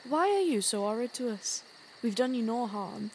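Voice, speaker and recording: A young actress playing an earnest, kind-hearted teenage girl in an audio play, gentle and wistful. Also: fairly high pitch, lively intonation, normal speed, slight background noise. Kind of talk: youth theatre audio play.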